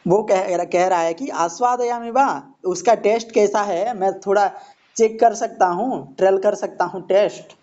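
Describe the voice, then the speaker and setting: A man with a warm, fairly high voice teaches a Sanskrit play, reading each line and then slowly explaining it in Hindi. The recording is dull and lo-fi.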